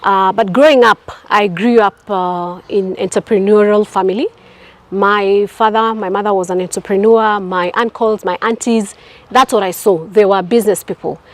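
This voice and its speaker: Steady and medium-pitched, a woman from Kenya speaks at a moderate pace in an interview. She's an entrepreneur who develops property, and her answers come across as sincere and thoughtful, with phrases she returns to again and again.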